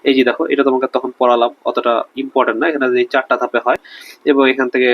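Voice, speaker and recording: A man's voice: mid-range voice, little pitch movement, racing, lo-fi sound. A young man with a Bangladeshi Bengali accent teaching chemistry in a casual online lesson, chatty and quizzing the student with memory tricks. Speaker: chemistry tutor.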